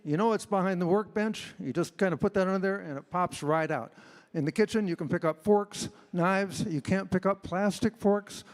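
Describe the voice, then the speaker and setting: A chatty American man in his seventies talks to a crowd from the stage in an informal, joking way. His voice is fairly high and echoes through a large hall. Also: moderate pace. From Illinois, United States. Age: 70s. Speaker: auctioneer presenting on stage. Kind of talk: informal stage presentation with jokes.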